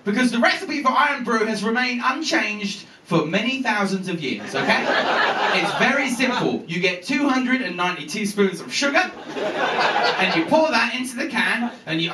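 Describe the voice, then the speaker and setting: A young man doing a stand-up comedy set, telling a story with lively delivery and plenty of swearing. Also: extremely high pitch, moderate pace, heavy background noise. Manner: animated storytelling, swears freely, acts out voices. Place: comedy venue with a laughing audience. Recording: roomy live stage recording from a distance.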